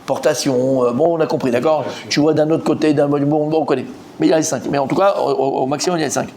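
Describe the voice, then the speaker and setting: Un homme rabbin qui donne un cours de Talmud animé, interroge ses élèves et répète ses mots en s'emportant. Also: male voice, quick pace, a little hiss or hum. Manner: animated, quizzes the students, repeats words, rising pitch when excited. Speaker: rabbi teaching a Talmud class. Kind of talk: lively Torah class.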